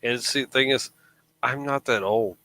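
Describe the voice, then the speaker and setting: A man's voice: mid-range voice, normal speed, bright, forceful tone, slight background noise, low-quality recording. A man in his thirties chatting casually on a live show, rambling with frequent restarts. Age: 30s. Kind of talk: casual chat.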